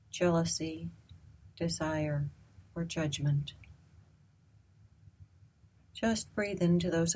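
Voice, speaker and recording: A woman leading a guided loving-kindness meditation, speaking slowly, softly and gently. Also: fairly low pitch, poor audio. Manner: slow, soft, calm and gentle.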